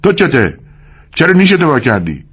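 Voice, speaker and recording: A man's voice: fairly high pitch, very animated, a bit bright, husky, voice pushed up, exaggerated voice. A man voicing a hot-tempered, bullying young man who threatens and picks fights. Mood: aggressive. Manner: aggressive, threatening.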